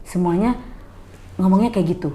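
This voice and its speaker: A woman's voice: medium pitch, normal speed, warm tone. A middle-aged woman speaks as a guest in a coffee bar, telling a heartfelt personal story. She talks earnestly and slips into other people's voices when she quotes them.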